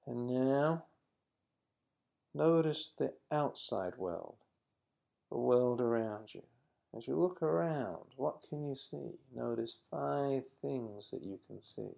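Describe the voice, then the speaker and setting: A man leading a guided mindfulness exercise in a slow, calm, instructive manner. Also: mid-range voice, vocal fry. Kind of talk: guided meditation.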